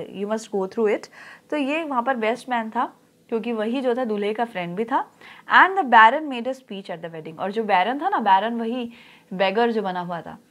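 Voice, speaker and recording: A woman teacher with a fairly high-pitched voice explains an English story in Hindi. She reads the English lines slowly, then explains them.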